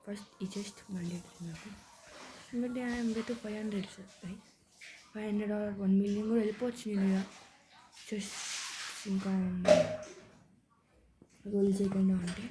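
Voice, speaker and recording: A woman hosting a gaming channel, giving casual gameplay commentary in soft, mostly whispered speech on a tablet mic. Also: mid-range voice, steady tone, fairly quick, pauses often, noisy background.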